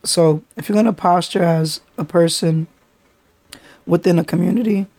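Podcast host: raspy, under-the-weather man with a New York accent, reflective, casual, dry close sound. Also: sits high, moderate pace, mellow, no room sound. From the Bronx. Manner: reflective, thoughtful, speaks in long run-on sentences. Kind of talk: casual chat.

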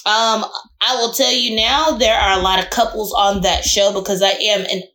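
A woman co-hosting a casual chat podcast, giving firm opinions in drawn-out phrases. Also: medium pitch, fairly even intonation, pushed and bright. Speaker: podcast co-host.

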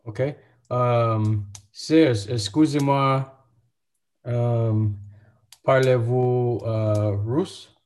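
Man, language student, video call, very slow, halting, hesitant. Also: mid-range voice, fairly even intonation, a little mellow, clear, resonant tone. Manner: halting with many fillers. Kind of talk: hesitant beginner practice.

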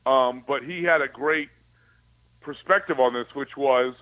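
A man's voice: mid-range voice, unhurried, phone-quality sound. A man giving opinionated political talk as a commentator, with a sarcastic, conspiratorial ranting manner.

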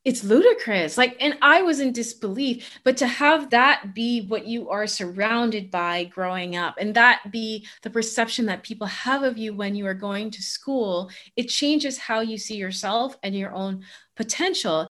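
A woman from the Bahamas speaks in an interview, her voice sitting somewhat high. She talks candidly and with emphasis, stressing key words as she describes her experiences as a coach. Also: measured pace, a bit bright. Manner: candid, emphatic, laughs in disbelief at anecdotes. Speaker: interview guest, career coach. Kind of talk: conversational interview.

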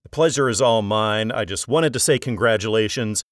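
A man's voice: lowish voice, normal speed, no echo, clean studio sound. A man hosting an author interview show, asking friendly questions and promoting the books.

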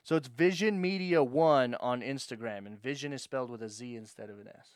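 A man's voice: mid-range voice, brisk, clean tone, dry recording. A man co-hosting a podcast, talking bluntly in casual banter, swearing and plugging the show's social page. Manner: blunt, profane, plugs the show. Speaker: podcast co-host.

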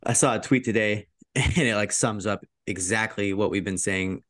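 A man's voice: fairly low pitch, moderate pace, a bit bright, no echo, studio quality. A man co-hosting a casual sports podcast, laid-back, swearing freely and laughing often. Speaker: podcast co-host.

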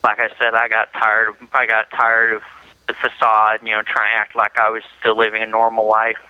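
A young man talking on a prison payphone line, in a flat, halting way with restarts. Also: lowish voice, no room sound. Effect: prison payphone call line. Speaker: prison inmate. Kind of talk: interview over a prison phone. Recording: muffled prison phone line.

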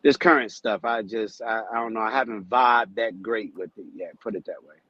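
A man from Chicago, a guest DJ talking in a relaxed, hesitant way. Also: on the low side, moderate pace, highs cut off. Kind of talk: casual chat.

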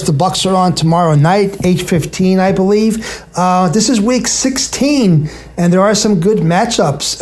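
Male sports talk radio host, American accent, noticeably high voice, solo commentary. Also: a little mellow.

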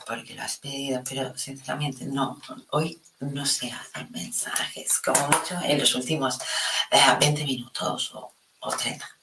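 A woman with a European Spanish accent hosting a live spiritual stream, chatting casually and affectionately and often dropping into a soft near-whisper. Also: extremely low pitch. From Spain. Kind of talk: casual live-stream chat reading viewer comments. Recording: echoey room with faint noise.

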